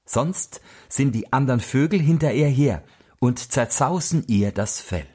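A man reading a fairy tale aloud in an expressive, unhurried storytelling manner. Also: medium pitch, husky. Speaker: narrator.

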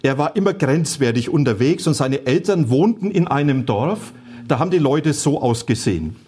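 A man's voice: a little high, lively intonation, moderate pace, darkish tone, a little hiss or hum. A middle-aged man, preaching a sermon as a pastor and telling stories earnestly. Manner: earnest storytelling, quotes people in changed voices.

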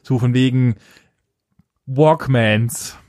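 A man's voice: mid-range voice, darkish tone, no room sound. Joking man, dry sound. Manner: joking, quick interjections, teasing. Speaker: podcast co-host. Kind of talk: casual chat.

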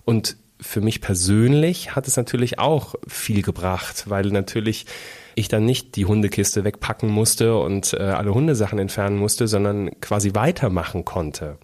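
A man co-hosting a casual podcast chat, talking personally and relaxed, with hesitant fillers. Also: on the low side, normal speed.

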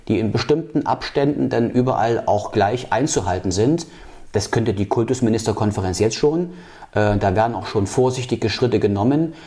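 Answering an interviewer's policy questions, this man, a political candidate, keeps stumbling over fillers and restarts. His voice sits in the middle range and sounds mellow.

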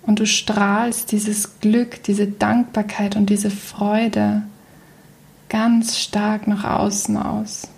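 A woman leading a guided meditation in a soft, breathy, near-whispered voice, calm and soothing with long pauses. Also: medium pitch.

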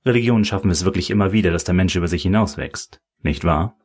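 A dry, mocking old professor, as a man reads him in an audiobook, lecturing at an easy pace in a low, husky voice. He sounds unhurried and sardonic. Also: darkish tone. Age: older.

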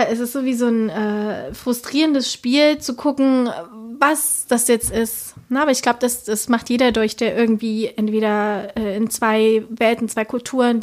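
A woman from Chile, a painter, talking about her art in a relaxed interview, reflective and full of fillers and tag questions. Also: a little high. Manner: reflective, many fillers and trailing "ne?". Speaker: painter, muralist guest. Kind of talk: casual interview conversation.

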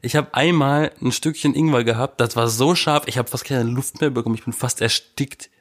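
A man's voice: mid-range voice, brisk. A man with a cold and sore throat, chatting casually and telling jokey home-remedy stories. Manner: joking, animated storytelling. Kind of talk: casual chat.

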